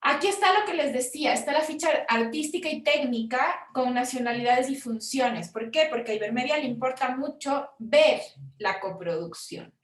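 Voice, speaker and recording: A Chilean woman, a film producer, explaining funding forms in a frank, conversational workshop talk with quick asides. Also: high voice, lively intonation, echoey room, recorded from a distance. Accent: Chilean Spanish.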